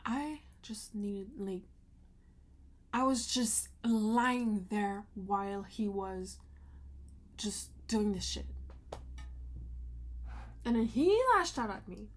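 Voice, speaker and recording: A woman's voice: mid-range voice, slow pace, long pauses. A woman vlogger telling a storytime, venting in a frustrated, emotional way and swearing often.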